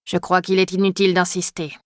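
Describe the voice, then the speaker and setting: A woman's voice: on the low side, completely flat delivery, fairly quick, no echo, clean studio sound, close to an everyday voice. A woman voicing a stern, arrogant male riding master in an audiobook, speaking in curt, commanding tones. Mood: harsh.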